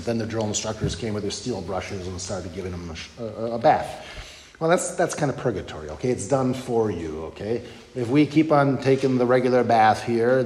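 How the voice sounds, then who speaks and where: A man's voice: mid-range voice, darkish tone, slight background noise. A man giving a sermon in a conversational teaching manner, often checking in with his listeners. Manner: conversational teaching with frequent "okay?" and "you know". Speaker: preacher. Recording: echoey hall with long reverb.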